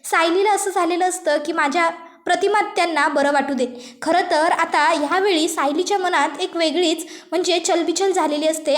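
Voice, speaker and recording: A woman narrating a television serial's story in a dramatic, flowing storytelling style. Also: very high voice. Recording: roomy echo.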